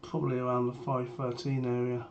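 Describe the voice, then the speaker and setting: Male trader for live market commentary, voice strained by a sore throat, mid-pitched and level, brief and matter-of-fact, faint noise and typing behind. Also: fairly quick, highs cut off. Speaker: trader sharing a premarket plan. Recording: steady background noise, keyboard typing.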